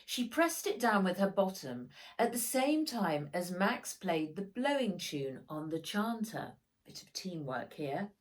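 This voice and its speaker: A woman reads her own children's storybook aloud, animated and expressive, with dramatic emphasis. Her voice is mid-range and unhurried.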